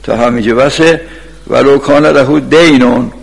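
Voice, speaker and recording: A man delivers a sermon in a gravelly, husky voice, building stories that break into sudden shouts. His voice rings out with a long reverb, as in a big hall. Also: medium pitch. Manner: storytelling with sudden shouted outbursts. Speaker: preacher.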